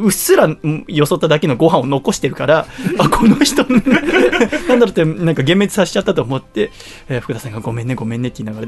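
Lively, fast-talking Japanese man telling a story. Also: medium pitch. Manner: animated, laughs often while telling, acts out quoted lines. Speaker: radio show host. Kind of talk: casual storytelling monologue.

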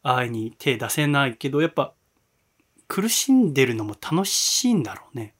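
A middle-aged man hosting a casual talk radio show, chatting with curiosity and excited rising questions. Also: mid-range voice, normal speed. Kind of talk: casual podcast chat.

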